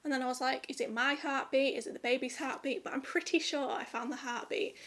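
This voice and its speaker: High-pitched young woman rambling candidly to her camera, lots of ums. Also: fairly even intonation, fairly quick, a bit bright. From United Kingdom. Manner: chatty, candid, rambling with fillers. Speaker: vlogger. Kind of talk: casual chat to camera.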